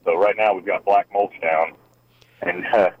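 A man's voice: deep voice, fairly even intonation. Hesitant male caller over the phone. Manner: hesitant, many filler pauses. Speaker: radio call-in caller. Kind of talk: casual chat. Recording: dull lo-fi phone line with faint hiss.

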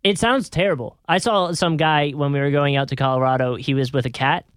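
A man's voice: a little high, steady tone, brisk, fairly bright tone, clean tone, dry recording, clean studio sound. A man co-hosting a casual news chat show, joking and rambling as he goes. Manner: joking, rambling, laughs often. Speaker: co-host.

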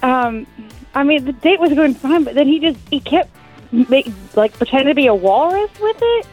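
A woman's voice: high voice, lively intonation, moderate pace, phone-quality sound, soft background music. A woman on a radio call, telling an awkward story with frequent giggles and fillers. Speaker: caller on a radio dating segment. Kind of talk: phone call chat.

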